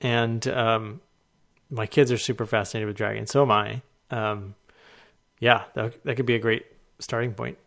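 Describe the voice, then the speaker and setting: A man's voice: on the low side, level tone, normal speed, gravelly, a bit bright. A man hosting a casual conversation, chatty and laid-back. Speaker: host.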